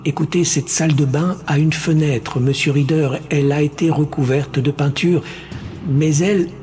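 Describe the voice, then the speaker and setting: A man's voice: a little high, steady tone, moderate pace, mellow, voice pushed up, close to an everyday voice. A man voicing a nervous, trembling old man calling in to a television show, in an audiobook. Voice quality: shaky, tremulous. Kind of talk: audiobook character voice.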